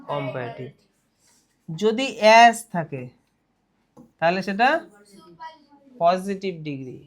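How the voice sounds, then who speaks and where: Drawing out important words, a young West Bengal Bengali-accented teacher runs through grammar for an exam, repeatedly asking questions and then answering them. His voice is high and a bit bright.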